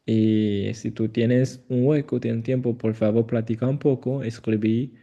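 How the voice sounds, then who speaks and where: Slow, gravelly-voiced male Chinese tutor. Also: medium pitch, fairly even intonation, lo-fi sound. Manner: slow, repeats phrases, gentle corrections. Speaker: Chinese teacher. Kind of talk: patient one-on-one language lesson.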